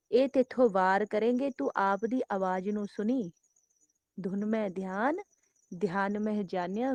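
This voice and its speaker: A woman's voice: medium pitch, darkish tone, no echo. Woman preaching a devotional sermon, dry sound. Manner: quotes scripture in slow chanted lines; repetitive, rising emphatic exhortation. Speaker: Sikh preacher giving katha.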